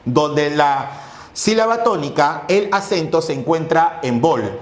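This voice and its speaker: Male teacher, slightly high voice, methodical exam-prep lecturing, roomy echo. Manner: methodical, recaps often with rhetorical questions. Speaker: language teacher. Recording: echoey room.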